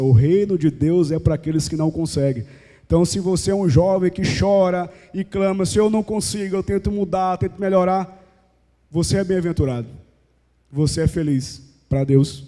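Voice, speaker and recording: A Brazilian man preaches a sermon in a church, his voice sitting a little high yet very dark and mellow. He keeps asking the room rhetorical questions and slips into quoted prayers. A long hall reverb trails each phrase. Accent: Brazilian Portuguese. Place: church sanctuary, live service.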